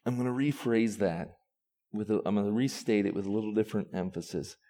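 A pastor preaching a sermon to his church, swinging from quiet, low passages to loud, rising ones. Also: brisk.

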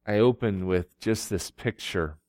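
A man preaching as a pastor, reading scripture and speaking to a congregation in a deliberate, pausing way. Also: lowish voice, darkish tone. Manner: slow, deliberate, with long pauses.

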